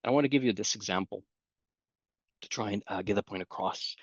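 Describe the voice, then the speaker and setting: A fairly low-pitched, fairly quick voice belongs to a middle-aged Romanian-accented man presenting at a conference. He explains ideas in a conversational way, leaning on everyday anecdotes and light laughs. There's no room sound, but the recording is muffled.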